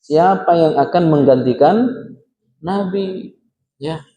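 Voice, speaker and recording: A man preaching a sermon to a congregation, lively and full of rhetorical questions, ending phrases with a quick "ya". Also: fairly high pitch, lo-fi sound, a little hiss or hum. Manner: lively, asks rhetorical questions and tags lines with "ya". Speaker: Islamic preacher. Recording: echoey hall with long reverb.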